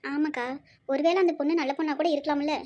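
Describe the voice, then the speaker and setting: A woman voicing a gentle middle-aged village aunt with a Tirunelveli Tamil accent, soft and persuasive. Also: high voice, steady tone, quick pace, voice pushed down, lightly acted. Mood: coaxing. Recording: muffled lo-fi.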